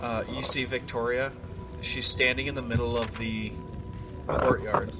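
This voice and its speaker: A man running a tabletop game, narrating scenes in a steady, ominous way with the odd filler. Clear music plays under his voice throughout. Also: mid-range voice, measured pace. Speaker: game master. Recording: music playing clearly behind. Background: background music.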